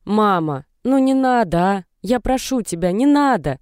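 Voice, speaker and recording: A man's voice: normal speed, mellow, dry recording, studio quality, lightly acted. A man reading the lines of a nervy pregnant teenage girl who gets defensive with her mother. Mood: pleading. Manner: defensive, pleading, rises to shrill.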